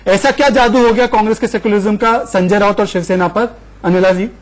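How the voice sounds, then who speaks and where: A man's voice: high-pitched, fairly even intonation, a little fast. Pressing male debate anchor. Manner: pressing, repeatedly cuts in on guests. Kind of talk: news debate moderation.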